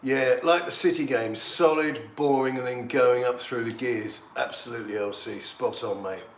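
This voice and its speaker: Gravelly tipsy Englishman in an echoey room. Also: medium pitch, moderate pace. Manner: excitable, banter-heavy, rambling. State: slightly tipsy. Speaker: football watchalong streamer. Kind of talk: casual live match commentary. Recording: echoey room, faint background noise.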